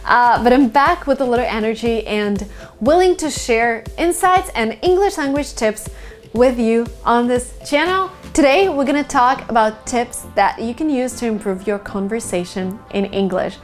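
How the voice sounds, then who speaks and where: A woman's voice: a little high, animated, moderate pace, faint music behind. Chatty Russian-born woman teaching English. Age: 20s. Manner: chatty, storytelling with many uh fillers. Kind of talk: casual English lesson to camera.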